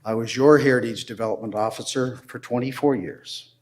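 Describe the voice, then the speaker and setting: An older man addressing a city council, presenting his case formally with slow, deliberate emphasis. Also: mid-range voice.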